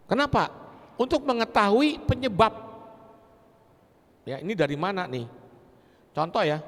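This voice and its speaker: Man teaching in a reverberant hall. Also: on the high side. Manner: lively, conversational, with many rhetorical questions. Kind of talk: teaching talk with personal stories. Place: large church hall.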